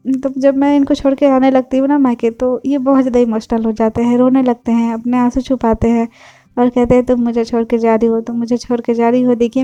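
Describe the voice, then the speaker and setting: A woman's voice: a little high, warm tone, no room sound, rough recording. A young woman from Bihar narrating a casual travel vlog in a chatty, repetitive way full of fillers. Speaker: vlogger.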